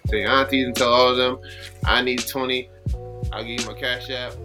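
A man's voice: mid-range voice, little pitch movement, brisk, over music. A man co-hosting a podcast, joking around in casual chat and closing out the episode. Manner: joking, playful sign-off. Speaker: podcast co-host.

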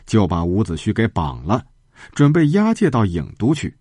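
A low-voiced man tells a story for children with hugely animated pitch swings. His tone is mellow and a little husky. He is recorded close and dry. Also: normal speed, no echo. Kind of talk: storytelling podcast narration.

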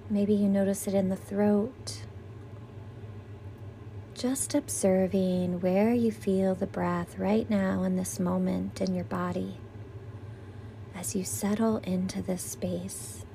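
A woman leading a guided meditation as its teacher, soothing and gentle like a sleep story narrator, with breathy exhales on breathing cues. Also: mid-range voice, fairly even intonation, takes it slowly, slight background noise.

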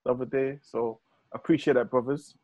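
A man's voice: medium pitch, steady tone, fairly quick, highs cut off. A man with a London roadman accent in casual chat, slangy and repeating his phrases. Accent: London roadman, multicultural urban slang.

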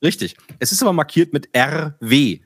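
A man in casual chat, telling lively stories, acting out dialogue and swearing freely. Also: on the high side, normal speed, husky. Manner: animated storyteller, acts out dialogue, swears casually.

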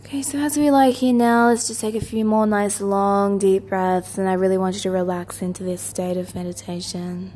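A woman with a mid-range voice narrates a guided meditation. She is soothing and gentle, repeating soft instructions in a lulling way. Faint ambient noise sits behind her voice. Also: mid-range voice, steady tone, normal speed, few pauses. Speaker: meditation teacher, host of a daily guided meditation.

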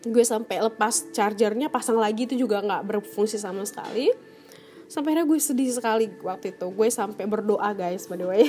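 A woman's voice: medium pitch, a little fast, darkish tone, faint music behind. A young woman from Indonesia, hosting a podcast and telling a personal story in casual talk, speaking chattily and laughing often while addressing her listeners. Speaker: podcast host.

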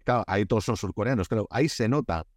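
This man's lowish voice moves fast, carrying a Spanish accent; he's from Spain. As a Korea expert guest on an informal podcast, he tells stories animatedly with many restarts and fillers, in studio-quality audio with no echo.

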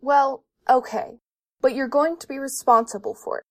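A woman playing a firm but soft-hearted mother who talks in a practical way, a bit high. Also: steady tone, moderate pace.

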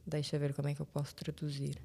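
A young woman from Verde, speaking as a guest in a relaxed, reflective podcast interview. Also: sits low, fast, vocal fry, a little hiss or hum. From Cape Verde. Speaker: guest, TV presenter.

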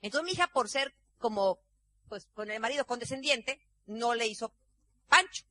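A middle-aged woman tells a story on stage at a business seminar, acting out voices and often shouting. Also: fairly high pitch, moderate pace, dry recording. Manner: animated, acts out quotes, often shouts. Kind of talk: motivational storytelling talk.

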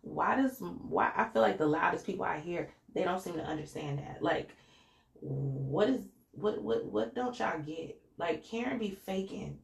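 A woman's voice: on the low side, lively intonation, a little slow, gravelly, echoey room. A woman hosting a podcast, talking in a casual, slangy, chatty way with lots of fillers. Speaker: podcast host reviewing a reality show. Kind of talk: casual chat.

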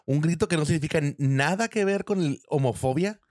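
A man's voice: a little high, a little fast, darkish tone, no room sound, clean studio sound. A man with a Mexican Spanish accent in a casual debate with a friend, slangy and swearing, arguing heatedly.

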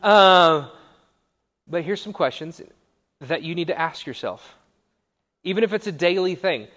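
A young adult man, a college pastor, giving a casual sermon to students, talking conversationally with quick self-corrections and asides. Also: on the high side, expressive, fairly bright tone. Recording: long hall reverb.

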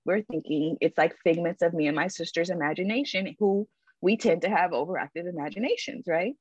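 A woman's voice: fairly low pitch, a little fast, husky, dry recording, lo-fi sound. A woman guest on a podcast, telling a personal story in a candid, emphatic way, often adding "like" and "right?".

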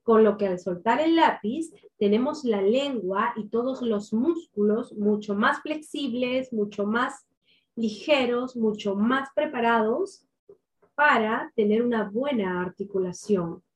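A woman coaching listeners on their speaking voice, pitched a little high and talking unhurriedly. She sets out numbered tips and pronounces every syllable with care. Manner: slow, deliberate, clearly articulated delivery. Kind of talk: instructional tips to camera.

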